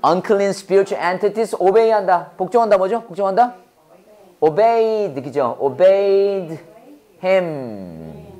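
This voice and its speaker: A woman with a Korean accent teaching English at a church school, drilling phrases call-and-response and explaining quickly in Korean. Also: medium pitch, sing-song, warm tone. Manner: drills words by repetition, prompting the class to repeat; switches fast between slow English and rapid Korean explanation.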